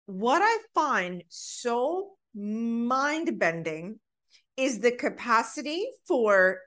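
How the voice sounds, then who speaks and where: A woman hosting a casual podcast chat, with exuberant, excitable reactions. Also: on the high side. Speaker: podcast host.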